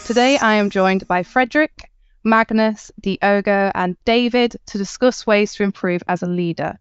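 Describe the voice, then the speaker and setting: A woman's voice: medium pitch, normal speed, clear, resonant tone, no echo, faint music behind. Lady podcast host, friendly, muffled dry audio. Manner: friendly and scripted in intros. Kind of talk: hosting a podcast.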